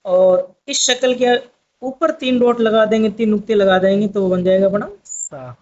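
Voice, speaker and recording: An Urdu teacher gives an online language lesson in a voice that sits high, with a darkish tone and a normal pace, on a dull lo-fi recording. He explains patiently, repeats every point, and speaks to his viewers as friends.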